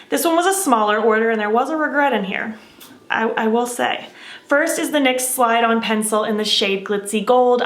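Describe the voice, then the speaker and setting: A woman's voice: a little high, fairly bright tone, roomy sound. A woman beauty vlogger chatting casually in an emphatic, opinionated way, repeating words for stress. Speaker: beauty vlogger reviewing past makeup purchases. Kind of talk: casual chat.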